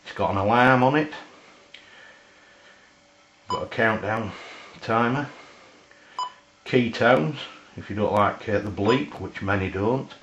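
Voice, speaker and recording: There's background noise as a deep-voiced English product reviewer gives an unscripted hands-on demo, halting and hesitant, pausing in the middle of sentences. The camera sound is roomy and dull, with lo-fi quality.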